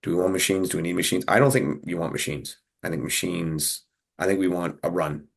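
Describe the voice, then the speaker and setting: Low, gravelly man riffing on a podcast. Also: fairly quick. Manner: thinks aloud, jokes and laughs at himself. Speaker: podcast co-host. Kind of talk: casual fitness podcast chat.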